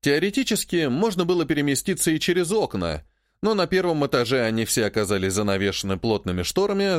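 A man reading a fantasy audiobook in first person as narrator, in a steady storytelling manner on a close mic. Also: a little high, no echo.

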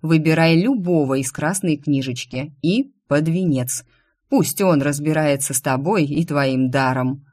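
A woman voicing a strict older baron scolding his daughter, speaking curt and gruff in an audiobook. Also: low-pitched, a little slow, a little mellow. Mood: stern. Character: stern older male baron, strict father.

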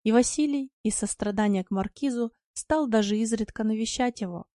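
Brief: woman audiobook narrator, calm expressive telling, warm low tone, dry studio. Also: a little fast, no room sound. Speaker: storyteller.

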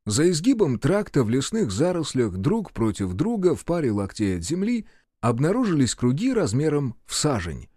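A male audiobook narrator tells the story with a lively, expressive rise and fall in his voice. The recording is dry and close, with no room sound. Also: fairly high pitch, moderate pace, slightly rough, no room sound.

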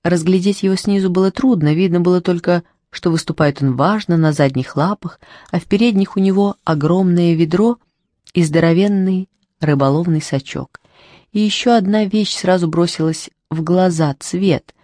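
A storybook narrator reads a fairy tale in an unhurried, wry voice, giving the characters light touches of their own. The voice sits at a middle pitch and is close to the mic in a dry room with no echo. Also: dark tone. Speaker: audiobook narrator.

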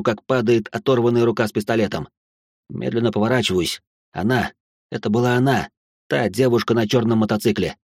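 A man's voice: lowish voice, a little mellow, no room sound, clean studio sound. Man narrating a tense first-person story.

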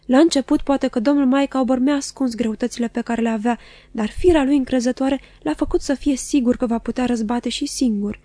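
A woman's voice: high-pitched, dark tone, no echo. A woman voicing an emotional, melodramatic middle-aged wife who declaims her loyalty insistently in an audiobook. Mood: tearful, dramatic. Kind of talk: audiobook character voice.

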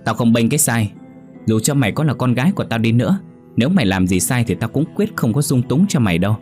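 A man's voice: medium pitch, lively intonation, fast talker, a little mellow, faint music behind, pitched above the performer's own voice, natural voice. A man voicing a stern older mother who scolds her daughter harshly. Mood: scolding.

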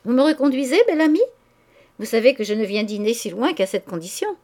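A woman's voice: a little high, expressive, quick pace. A woman doing a coquettish, teasing society lady. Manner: bright, teasing and affectionate.

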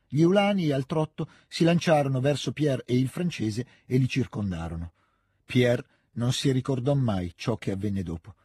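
A male audiobook reader narrating a classic novel in a measured, even storytelling manner. His dark, husky voice sits close to the mic in a dry studio recording. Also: mid-range voice, no echo. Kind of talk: scripted literary narration.

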